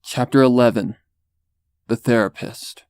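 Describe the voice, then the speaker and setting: A man reading a dark first-person story as a narrator, in a measured, solemn manner. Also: mid-range voice, fairly even intonation, clean tone, dry recording, clean studio sound. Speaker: fan fiction narrator. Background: music under the voice.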